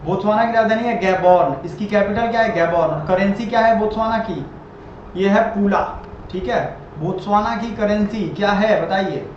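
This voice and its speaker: A high-voiced man teaching an exam-prep lesson, who drills each answer and asks the viewer to repeat it. The room is very echoey and the sound is dull and lo-fi, with a faint hiss underneath. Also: moderate pace.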